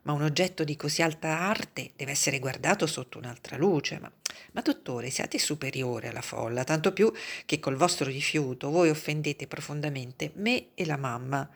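A woman reading the lines of an earnest young man who pleads fervently about art, in a low, husky voice. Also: moderate pace.

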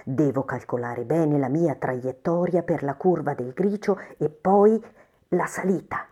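A woman's voice: sits low, unhurried, mellow, slightly rough. A woman voicing the inner thoughts of a determined, focused young racehorse mare in a storybook reading.

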